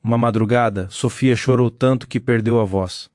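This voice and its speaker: A man giving a scripted dramatic narration in a measured, solemn storytelling manner. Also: medium pitch, fairly even intonation, darkish tone, no room sound, studio quality.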